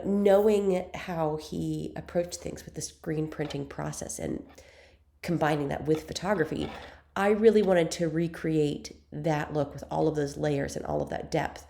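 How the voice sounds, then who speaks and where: Stuffed up and raspy from a cold, a young woman walks viewers through a screen-recorded photo editing tutorial. Her tone is low and dark with a gravelly edge, and she keeps things chatty and self-deprecating, dropping plenty of ums between steps.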